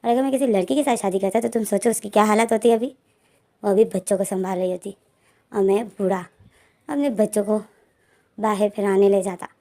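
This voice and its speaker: A woman voicing a doting older man who speaks in a soft, affectionate, coaxing way, read in a storybook retelling. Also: mid-range voice, fairly even intonation, fairly quick, pauses often, natural voice. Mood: tender.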